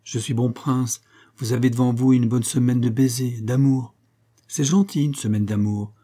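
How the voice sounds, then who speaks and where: A man's voice: mid-range voice, fairly even intonation, normal speed, warm tone, natural voice. A man reading an audiobook and voicing a suave, cruel master criminal who mocks his victim with false politeness. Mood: taunting. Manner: smooth, mocking, falsely polite.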